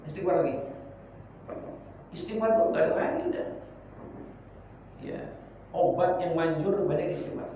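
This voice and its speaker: A man's voice: fairly high pitch, normal speed, long pauses, mellow, dull audio, slight background noise. A man preaching an informal sermon, mixing street slang with Arabic prayers. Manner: colloquial Jakarta slang mixed with Arabic prayers. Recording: echoey room, distant from mic.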